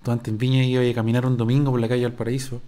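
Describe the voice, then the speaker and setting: A middle-aged Chilean man with a Chilean accent hosts a podcast, chatting casually as he answers listener questions, rambling and slangy with frequent restarts. His voice is medium-pitched and mellow with little pitch movement, and he talks rapid-fire.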